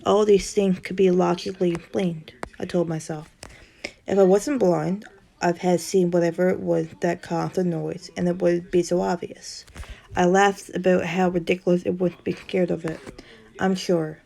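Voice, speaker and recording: A woman narrating a first-person horror story in a steady storytelling way, with the odd tongue-tied slip. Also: on the low side, gravelly.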